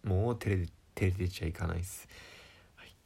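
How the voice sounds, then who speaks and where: A man's voice: sits low, normal speed, gravelly, warm tone, husky. A young man, a comedian, talking through a casual monologue in a chatty, self-deprecating way with lots of fillers.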